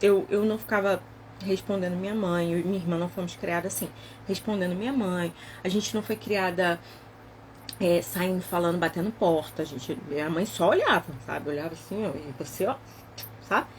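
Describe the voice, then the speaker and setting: Animated woman, casual chat. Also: fairly low pitch, a little fast, slight background noise. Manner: animated, acts out quoted dialogue. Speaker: book club participant.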